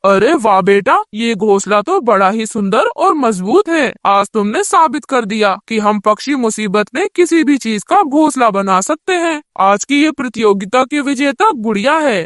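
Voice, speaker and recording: Gentle bird king for a cartoon, played by a woman; encouraging, announcing. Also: fairly high pitch, expressive, moderate pace, few pauses, dry recording, studio quality, natural voice. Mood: kind. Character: kindly bird king judging a contest.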